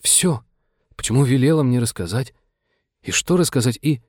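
A man's voice: medium pitch, animated, normal speed, darkish tone, husky, no echo, studio quality, voice pushed up. A man voicing a hesitant, baffled young man who asks flustered questions.

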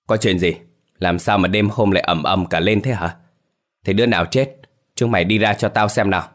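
A sharp-tongued middle-aged lady who rules her household, done by a male storyteller. She speaks in a low, firm voice, scolding and ordering her servants, in a narrated ghost story. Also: brisk, lightly acted. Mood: demanding. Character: stern middle-aged mistress of a rich household, woman.

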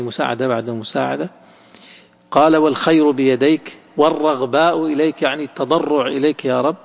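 A man with a gravelly, creaky voice teaches a religious lesson. He explains the text point by point and keeps asking his listeners whether it is clear. The recording is muffled and carries a long hall reverb. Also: fairly high pitch. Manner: explanatory, asks the listeners rhetorical questions to check understanding. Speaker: Islamic scholar teaching hadith.

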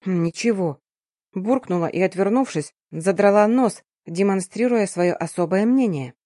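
A woman reads a first-person romance story aloud with lively, expressive delivery. Her voice sits at a middle pitch, recorded dry and close with no room echo. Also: moderate pace. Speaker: narrator. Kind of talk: first-person audiobook narration.

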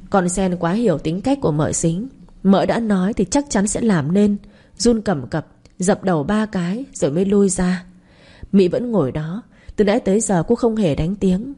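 A woman narrating an audio story in a steady, dramatic storytelling manner. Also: mid-range voice, breathy edge.

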